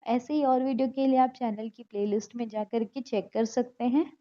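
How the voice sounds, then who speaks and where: A woman teaching an exam-prep lesson, explaining each answer step by step and reading the English options out slowly. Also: a little high, fairly even intonation, muffled recording.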